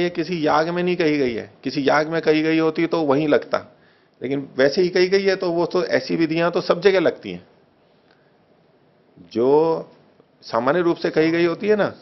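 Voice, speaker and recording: Gravelly man teaching patiently. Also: a little high. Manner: patient, slow, repeats phrases while checking wording. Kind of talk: text study class, reading and correcting a translation. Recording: dull lo-fi recording.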